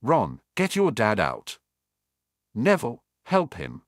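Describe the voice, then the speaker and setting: A man's voice: mid-range voice, wildly swooping pitch, takes it slowly, no room sound, studio quality. A man voicing a brave teenage boy wizard who gives urgent orders, in a fan audiobook. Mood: commanding. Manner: urgent, commanding.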